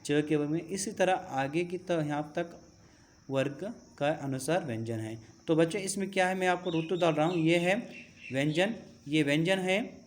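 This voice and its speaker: A man's voice: on the high side, a little hiss or hum. A man teaching a Hindi alphabet lesson to schoolchildren, who explains step by step and answers his own questions.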